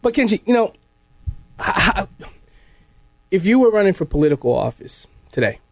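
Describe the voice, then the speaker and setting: A man's voice: sits high, sing-song, moderate pace, dry recording. An American man hosting a conversational live talk radio show from a studio.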